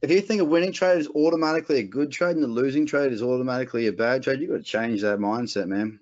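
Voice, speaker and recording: A man with an Australian accent teaches a casual trading webinar, blunt and rambling and frequently restarting his sentences. His medium-pitched voice is fast and a little mellow, and the webinar audio is dull and lo-fi.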